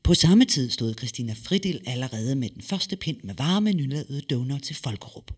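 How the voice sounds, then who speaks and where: A man reading a story aloud with lively, expressive delivery and dramatic pauses. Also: medium pitch, husky. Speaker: narrator.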